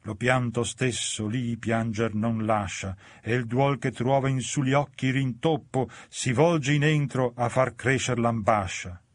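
A man giving a measured, solemn recitation of epic verse. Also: fairly even intonation, no room sound, clean studio sound. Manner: measured and solemn, dropping low on grave lines. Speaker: reader.

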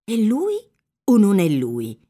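A woman's voice: mid-range voice, wildly swooping pitch, takes it slowly, mellow, breathy edge, full character voice. A woman voicing a frightened young female captive who speaks in a trembling, urgent way. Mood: fearful.

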